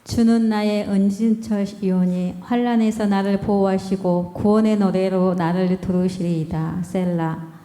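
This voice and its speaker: A congregation reading scripture in unison from far off in a church. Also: female voice, mid-range voice, little pitch movement, a little slow, dark tone, reverberant, long reverb tail.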